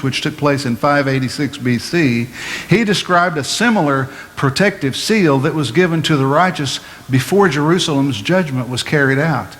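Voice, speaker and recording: A male pastor giving a measured, explanatory Bible-teaching sermon, asking his listeners questions as he goes. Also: medium pitch, a bit bright. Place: church sanctuary. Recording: long hall reverb, faint room noise.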